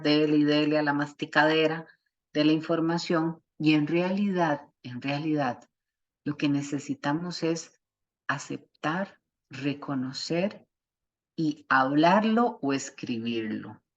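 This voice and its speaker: Low-voiced woman leading a grief group. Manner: folksy, fond of diminutives and homely images. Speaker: psychologist leading the session. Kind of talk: warm group facilitation. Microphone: video call. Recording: muffled video call audio.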